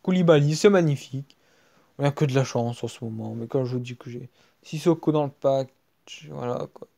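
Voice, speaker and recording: Excitable French gamer, mellow voice. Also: male voice, medium pitch, a little fast, creaky. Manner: excitable, trailing off to mutters between outbursts. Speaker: gaming video creator. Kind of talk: casual live commentary while opening card packs. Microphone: screen-recording app mic.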